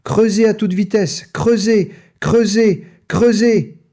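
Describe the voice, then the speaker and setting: A man voicing a clever male fox father, urging his family on in a high, breathless voice. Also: fairly even intonation, slow. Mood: urgent. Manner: urgent, breathless shouting.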